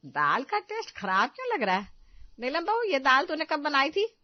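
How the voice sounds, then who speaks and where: Woman doing a loud scolding older mother-in-law. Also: mid-range voice, wildly swooping pitch, moderate pace, highs cut off. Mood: accusing. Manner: loud, sharp, taunting.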